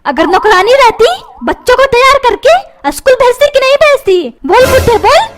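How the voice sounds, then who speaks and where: A woman voicing a quarrelsome, sharp-tongued mother and wife. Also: very high-pitched, lively intonation, normal speed. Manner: scolding, quarrelsome. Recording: noisy background.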